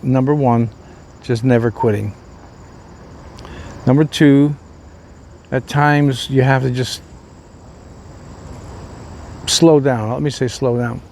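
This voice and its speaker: Older male pastor, mid-pitched, chatty and rambling, faint outdoor noise. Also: mellow. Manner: rambling, folksy, many fillers and restarts. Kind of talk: informal devotional talk.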